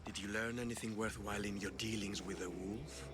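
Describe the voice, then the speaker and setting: An actor playing a smug, theatrical, sinister villain in a video game, with a mocking, unhinged drawl. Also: male voice, fairly low pitch, fairly even intonation, fairly quick, very noisy, close to an everyday voice. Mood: theatrical, gloating.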